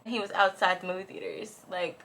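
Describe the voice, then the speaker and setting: A young woman vlogger chatting casually through a storytime as she gets ready, animated and profane, full of "like" and "bro". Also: mid-range voice, brisk. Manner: animated, swings between loud and hushed. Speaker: beauty and lifestyle vlogger.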